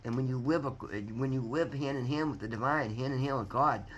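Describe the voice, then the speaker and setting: A man in his fifties speaks earnestly to his viewers in a casual, heartfelt motivational talk. His voice sits at a middle pitch, and he often trips over and repeats words before pressing on, with faint background noise in the recording. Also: brisk, rough recording. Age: 50s. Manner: earnest, rambling, repeats words and restarts, often says "guys". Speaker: vlogger sharing recovery story.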